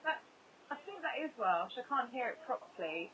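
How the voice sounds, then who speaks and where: A woman's voice: on the high side, big pitch swings, normal speed, pushed and bright, a little hiss or hum, rough recording. A woman from England chatting casually with a co-host while they watch a show together, laughing often.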